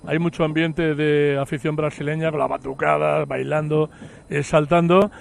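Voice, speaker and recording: A man reporting from the stadium as he leaves, relaxed and on the go. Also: on the high side, normal speed, vocal fry, slight background noise.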